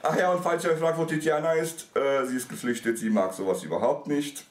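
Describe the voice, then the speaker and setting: A man's voice: a little high, brisk, a little hiss or hum. Campy drag queen man in echoey room. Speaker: drag queen, challenge co-host. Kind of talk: casual comic challenge chat. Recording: echoey room, faint music.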